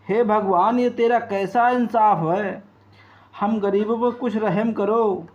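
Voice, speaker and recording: A man's voice: high-pitched, steady tone, takes it slowly, a little mellow, pitched above the performer's own voice. A man voicing a poor male pigeon farmer who laments his ruined crop. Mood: despairing. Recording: dull lo-fi.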